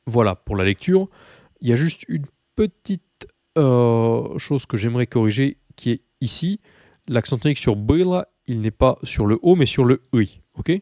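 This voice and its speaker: Guy teaching a language lesson, super casual, lots of euh and restarts, middle pitch, dry close sound. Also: animated, mellow, no room sound. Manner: chatty, many fillers and restarts, addresses viewer informally; reads slowly and clearly for repetition.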